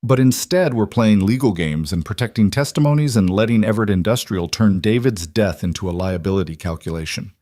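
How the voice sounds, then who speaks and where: A man voicing a weary, grieving young widow in a storybook reading, in his own low, dry voice. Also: brisk, few pauses, warm tone, dry recording, natural voice. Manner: tired, pleading.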